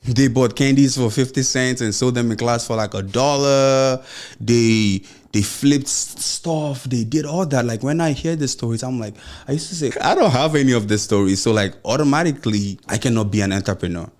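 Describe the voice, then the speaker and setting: Hosting his own motivational podcast, a young Nigerian-accented man speaks at normal speed in a mid-range, darkish voice. He has a slight stammer and an earnest, encouraging manner, stringing thoughts together loosely with plenty of "you know"s.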